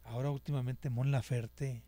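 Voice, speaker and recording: A man's voice: mid-range voice, level tone, moderate pace, dark tone. A man hosting a talk show, asking questions eagerly and respectfully and calling his guest "maestro". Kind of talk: casual interview conversation.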